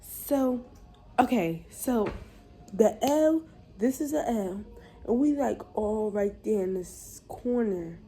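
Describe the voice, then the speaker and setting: A young woman tells a casual storytime to her viewers, animated and slangy. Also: mid-range voice, takes it slowly. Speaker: vlogger.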